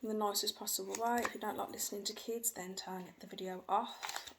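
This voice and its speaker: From home, a tarot reader with a mid-range voice and fairly even intonation talks fairly quickly to her viewers. She tends to hedge, repeat phrases and follow her intuition, and the faint sounds of her young children come through.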